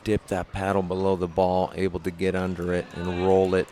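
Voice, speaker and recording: Low, flat-toned male pickleball commentator. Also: a little fast, a little hiss or hum. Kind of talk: live sports commentary.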